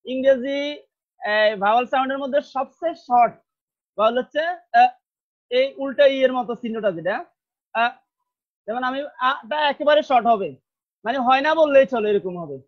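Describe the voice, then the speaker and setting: A Bangladeshi-accented man leads a classroom pronunciation lesson, saying each word over and over and drilling the sounds. The recording is a little dull and muffled. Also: very high voice. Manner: slow, repeats words many times, drills sounds. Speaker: English teacher.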